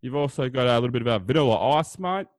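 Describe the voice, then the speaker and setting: A man's voice: medium pitch, lively intonation, fast talker, no echo. Joking Australian man, dry close sound. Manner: joking, rambling with fillers and "mate". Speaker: podcast co-host. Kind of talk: casual banter.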